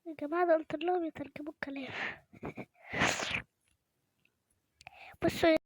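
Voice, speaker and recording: A woman with an Egyptian Arabic accent chatting excitedly to viewers as she plays, anxious and often dropping into whispers. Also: very high-pitched, very fast, no room sound, poor audio. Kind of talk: excited playthrough chat to viewers.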